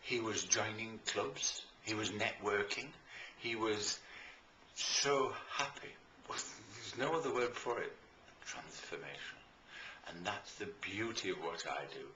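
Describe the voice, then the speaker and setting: With an animated, sharp-toned voice on the low side, this British coach pitches his life and business coaching services. The talk is casual, enthusiastic and emphatic, with deliberate pauses, and the roomy recording carries echo and faint background noise.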